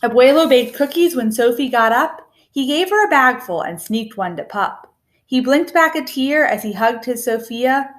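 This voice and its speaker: A woman reads a children's picture book aloud expressively, with a measured, rhythmic delivery of rhyming verse. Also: high voice, lively intonation.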